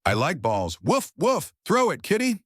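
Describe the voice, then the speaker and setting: A woman's voice: on the low side, wildly swooping pitch, a little slow, breathy edge, no echo, studio quality, voice pushed down, heavily acted. A woman voicing a friendly, playful young male puppy in a preschool cartoon, barking between lines. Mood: eager. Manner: eager, barks between lines.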